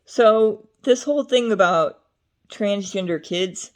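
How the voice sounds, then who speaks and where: A woman's voice: mid-range voice, slow. A young adult woman vlogging to camera in a rambling, chatty way, drifting between topics with frequent fillers. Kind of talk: casual talk to camera.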